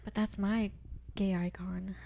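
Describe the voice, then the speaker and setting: A young woman co-hosts a casual podcast, taking her time as she tells stories. Her delivery is drawn-out and relaxed, full of slang and little laughs. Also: medium pitch, creaky, a little hiss or hum. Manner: slow, giggly storytelling with slang. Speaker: podcast co-host. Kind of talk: casual chat.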